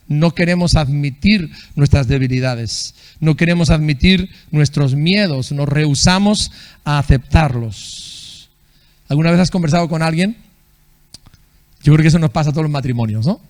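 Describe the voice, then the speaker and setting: A man preaching a sermon as pastor in a church, in a conversational way, often checking with the congregation and acting out quoted people in a raised voice. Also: on the high side.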